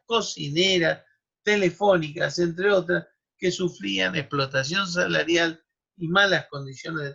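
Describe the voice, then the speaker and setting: A man's voice: on the high side, gravelly, pushed and bright, breathy edge. A man giving a university law lecture, explaining history and running through lists of names and dates with asides to his students. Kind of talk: academic lecture. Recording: dull lo-fi recording.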